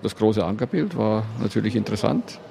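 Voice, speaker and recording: A man from Germany, an art collector, giving halting, unscripted interview answers. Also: fairly low pitch, animated, vocal fry, warm tone. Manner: halting, searching for words. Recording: busy crowd in background.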